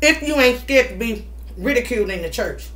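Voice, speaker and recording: A woman's voice: on the high side, animated, brisk, fairly bright tone. A middle-aged woman giving testimonial vlog talk in a preacher-like, emphatic way, repeating short phrases. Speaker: mukbang vlogger. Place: small indoor room at home.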